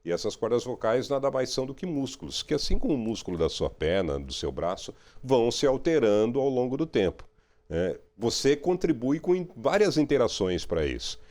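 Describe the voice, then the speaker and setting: A middle-aged man, a radio and TV journalist, speaking in a relaxed, reflective interview, often ending phrases with a questioning tag. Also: medium pitch, brisk. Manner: reflective, frequent "né?" tags.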